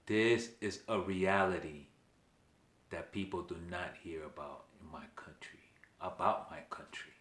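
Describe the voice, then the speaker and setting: Talking direct to camera on his own channel, a vlog host from Venezuela speaks emphatically, frequently asking viewers questions and saying "okay." His low voice is fairly bright in tone, a little slow, and the room is echoey.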